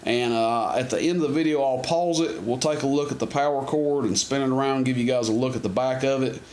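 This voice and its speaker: A fairly quick, slightly mellow, medium-pitched male voice belongs to a presenter demonstrating and selling CB radios. He rambles casually and folksily without a script, like a seller showing off his gear, on a noisy amateur camera recording with clicks.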